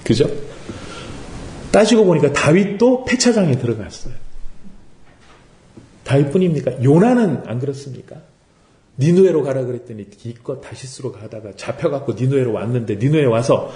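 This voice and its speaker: A man's voice: mid-range voice, expressive, moderate pace, pauses often, dark tone, reverberant. A man preaching a sermon as pastor, asking rhetorical questions and acting out quotes. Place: worship service room.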